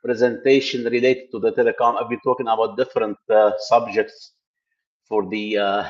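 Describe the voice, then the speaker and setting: A middle-aged Lebanese man hosts a casual tech live stream from a building's indoor gym, speaking loosely with many fillers and restarts. His lowish voice has little pitch movement at a moderate pace, and the highs are cut off.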